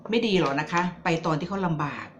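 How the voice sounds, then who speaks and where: A woman's voice: low voice, fast talker, highs cut off, slight background noise. A woman vlogger giving casual political commentary, chatty and teasing as she addresses her viewers directly.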